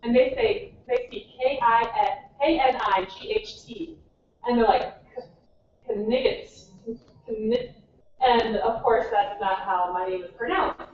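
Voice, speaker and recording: A young woman from Minnesota with a Minnesotan American accent, chatting and telling stories as a native English conversation partner, her voice animated and full of quoted asides. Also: a little high, unhurried. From Minnesota, United States. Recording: distant, tinny, echoey hall with faint noise.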